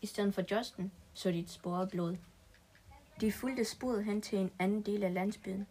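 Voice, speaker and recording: A woman's voice: mid-range voice, fairly even intonation, warm tone. A woman reading a story aloud in a plain manner, with small restarts now and then.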